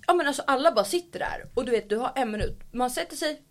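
Woman, podcast co-host, animated storytelling, acts out quoted voices, frequent swearing. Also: high-pitched. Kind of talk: casual storytelling chat.

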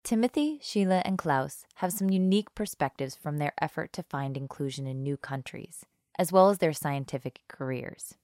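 Low-voiced woman narrator. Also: lively intonation, moderate pace, darkish tone, no room sound, studio quality. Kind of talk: scripted narration.

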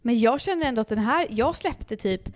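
A young woman co-hosting a podcast, chatting casually with lively swearing. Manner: animated, swearing, quick shifts in pitch. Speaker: podcast co-host. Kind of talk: casual chat.

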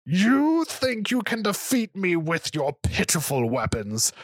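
A man's voice: high-pitched, huge pitch swings, takes it slowly, no room sound, pitched above the performer's own voice, full character voice. A man putting on a boastful dragon villain. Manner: grandiose, boastful declaiming.

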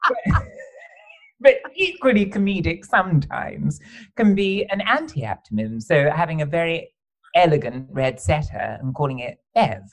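A man's voice: fairly high pitch, big pitch swings, a little slow. A man hosting a podcast interview, theatrical and wordy, fond of elaborate vocabulary and calling guests darling. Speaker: podcast host. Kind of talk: interview chat.

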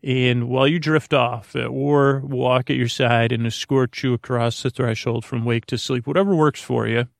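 Hosting a sleep podcast, a man talks in a creaky, mid-range voice with fairly even intonation, rambling soothingly and haltingly in a friendly bedtime monologue. He repeats himself and drifts off mid-thought. It's a dry, studio-quality recording.

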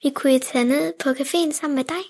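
A man's voice: extremely high pitch, steady tone, gravelly, voice pushed up. A man voicing a sulky eight-year-old girl in a storybook reading, pleading and whiny. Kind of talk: storybook narration.

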